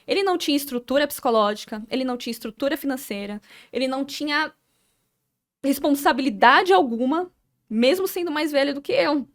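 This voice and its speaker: On a podcast, a young Brazilian Portuguese-accented woman recounts her life story with earnest feeling. Her voice is high, and she stumbles and repeats words as memories come back.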